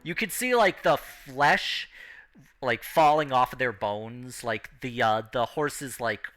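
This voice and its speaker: A man's voice: mid-range voice, slow, a bit bright, faint music behind. A man running a tabletop game as game master, narrating and explaining rules casually.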